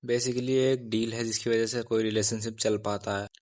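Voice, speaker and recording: A man voicing a calm, level-headed young man, with a flat, even reading in a storytelling style. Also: on the low side, moderate pace, close to an everyday voice. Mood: talking. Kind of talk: storytelling voice of a character.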